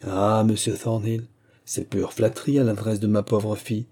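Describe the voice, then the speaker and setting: A man reading an audiobook, voicing a scheming middle-aged mother who is the vicar's wife, eager and coaxing, with a dark, husky voice. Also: fairly low pitch, flat delivery, moderate pace.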